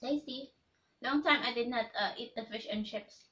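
A woman's voice: fairly high pitch, moderate pace, fairly bright tone, dull audio. A woman with a Filipino accent chewing while talking, giving short simple remarks in casual eating chat. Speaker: mukbang co-host.

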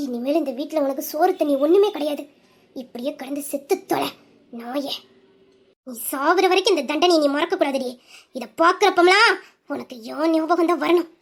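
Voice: high voice, normal speed. A performer voicing a jealous, cruel woman in an audio story, spitting cold, vicious threats.

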